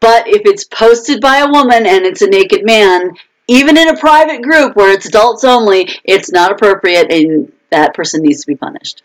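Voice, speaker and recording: A woman's voice: mid-range voice, expressive, normal speed, low-quality recording. A woman author chatting casually on her own live video stream, talking through frustrations with fillers and restarts.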